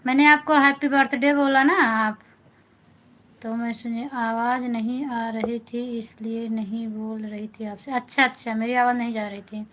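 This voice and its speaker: A middle-aged woman from north India hosts a casual live stream from her phone. Her voice sits a little high. She talks in a chatty way, greets viewers by name and thanks them again and again. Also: level tone, moderate pace, poor audio. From Awadh, north India. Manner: chatty, warm-toned greetings, repeats thanks, reads out viewer names. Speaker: folk singer hosting a live stream.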